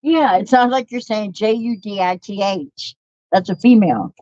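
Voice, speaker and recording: A woman's voice: medium pitch, normal speed, warm tone, no room sound. A woman chatting casually in a teasing manner. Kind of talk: casual chat. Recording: dull lo-fi livestream audio.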